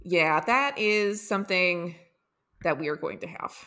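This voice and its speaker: A woman co-hosting a podcast in casual chat, blunt and quick to swear, recorded in a mostly empty room that gives her voice a slight echo. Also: on the low side, expressive, bright, forceful tone. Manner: blunt, swears freely, laughs often. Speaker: podcast co-host.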